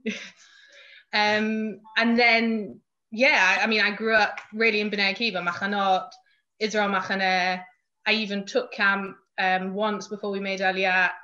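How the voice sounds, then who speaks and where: This woman from Manchester, England, speaks with a Mancunian accent as a podcast guest and youth movement emissary, chatting casually and using plenty of fillers. Her mid-range voice has a flat delivery, a measured pace, and a bright, forceful tone. The audio is dull and lo-fi.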